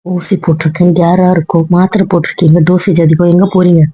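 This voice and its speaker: A woman's voice: lowish voice, flat delivery, fast, no echo, highs cut off, close to an everyday voice. A woman playing a hurt young wife who answers curtly, then pleads with her husband. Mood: pleading. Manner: curt, pleading.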